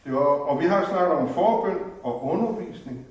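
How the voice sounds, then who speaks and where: A man's voice: a little high, expressive, distant mic, highs cut off. An older man from West Jutland giving an earnest, heartfelt personal faith talk in a church, wandering and restarting as he goes. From West Jutland, Denmark. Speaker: lay speaker at a church gathering. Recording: very echoey church, voice from afar.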